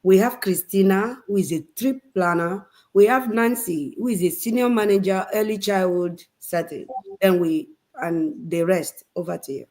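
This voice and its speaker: A woman's voice: medium pitch, moderate pace, darkish tone. A woman from Nigeria, a mother of five, chatting proudly as a panelist. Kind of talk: casual panel chat.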